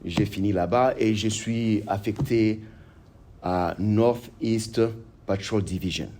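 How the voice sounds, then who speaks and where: Here the Congolese policeman, a guest author whose native tongue is French, talks slowly in a lowish voice while fielding interview questions. His replies start hesitantly, crowded with fillers and restarts, then become livelier.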